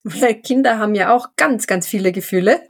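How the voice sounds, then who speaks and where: A woman co-hosting a podcast, talking calmly and reflectively about mindfulness in drawn-out, easy phrases. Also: medium pitch, creaky, husky. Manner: calm, reflective, drawn-out phrasing with many "ja" fillers. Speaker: podcast co-host. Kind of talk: casual podcast conversation on mindfulness.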